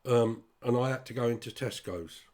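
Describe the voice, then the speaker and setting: A man's voice: mid-range voice, normal speed, darkish tone. A British man talking straight to his listeners in a blunt, sweary, rambling monologue. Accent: British English. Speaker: vlogger. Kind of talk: casual ranting monologue.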